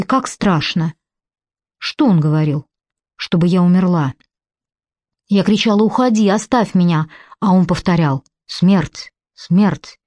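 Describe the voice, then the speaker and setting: A woman voicing a frightened, broken young patient who speaks in halting, childlike fragments, in an audiobook. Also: on the low side, a little mellow, no room sound.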